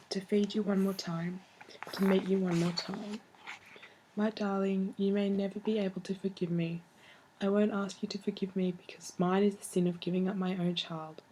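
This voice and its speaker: A woman's voice: lowish voice, mellow, rough recording. A woman reading a heartfelt love letter aloud in a tender, earnest way, with some background noise.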